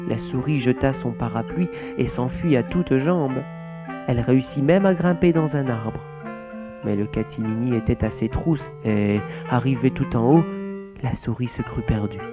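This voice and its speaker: A man narrating a children's storybook with a lively, expressive reading. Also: mid-range voice, moderate pace, over music.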